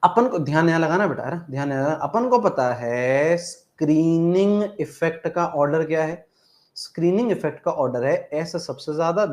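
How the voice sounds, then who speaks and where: A man's voice: on the high side, a little mellow. A man teaching an exam-prep chemistry lesson, repeating questions to his students and calling them 'beta'.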